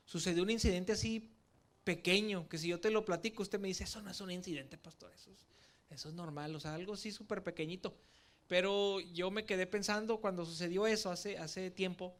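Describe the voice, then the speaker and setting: A middle-aged male pastor preaching with passion to parents in church, building to emphatic calls and dropping to quiet, earnest stretches. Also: sits high. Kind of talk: sermon at a parents' workshop.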